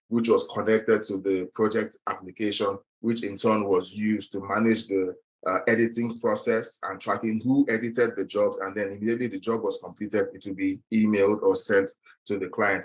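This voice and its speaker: A man's voice: on the low side, rough recording. A man giving an online business presentation in a webinar, hesitant and full of fillers and restarts, over a video call microphone.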